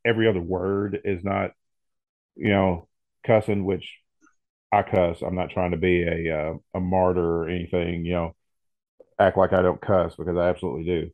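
A very low-pitched man co-hosts a casual podcast, easygoing and agreeable. He restarts his sentences often and fills gaps with "yeah". The audio is narrow and phone-like. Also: dry recording. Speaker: podcast co-host. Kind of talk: casual chat.

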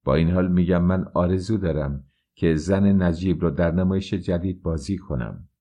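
A man's voice: low-pitched, warm tone. A man voicing a proud, scornful courtesan. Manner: scornful, frank. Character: proud young actress, courtesan, defiant.

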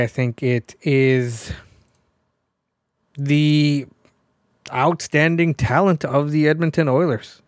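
A man with a mid-pitched voice hosts a casual sports recap. He speaks off the cuff, often repeating short phrases to drive a point home. The sound is dry, with very little room in it. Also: no room sound. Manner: emphatic repetition of phrases. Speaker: sports show host. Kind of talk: casual hockey recap commentary.

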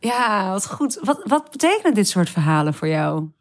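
Gravelly woman interviewer. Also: medium pitch, very animated, normal speed. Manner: affirming, short responsive remarks. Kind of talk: interview conversation.

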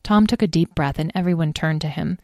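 A woman narrating a children's fantasy storybook with expressive, lively emphasis. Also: low-pitched, fairly quick, dry recording.

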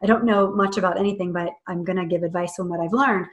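A woman's voice: lowish voice, fairly even intonation, quick pace. A woman guest on a podcast, chatting casually and animatedly about a book she wrote, laughing often. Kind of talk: casual chat. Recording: roomy echo.

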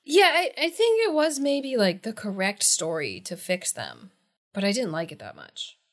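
Animated woman podcast co-host. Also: medium pitch, moderate pace. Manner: animated, laughs often, teasing. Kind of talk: casual chat.

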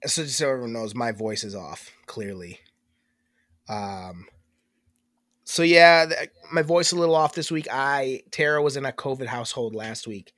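A young man co-hosts a podcast in a mid-range voice at a moderate pace, recorded in a clean studio with no echo. Congested and stuffed up, he chats casually in an animated, rambling way, frequently cutting himself off.

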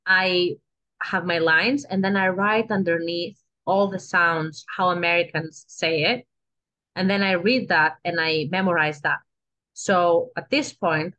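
The audio is poor as a woman with a Greek accent, a trained actress appearing on a podcast, speaks in a low, sharp-toned voice. She chats informally, restarting sentences often and repeatedly asking "you know?"

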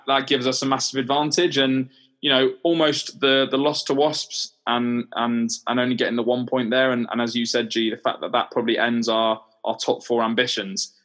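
A man's voice: mid-range voice, a bit bright. A man co-hosting a podcast, talking thoughtfully and repeating words as he thinks. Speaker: podcast co-host. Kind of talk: casual sports chat.

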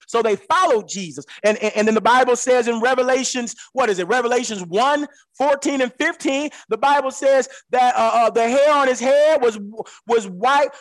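A man leading a Bible study, animated, swinging between low asides and excited high peaks. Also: dry recording, studio quality.

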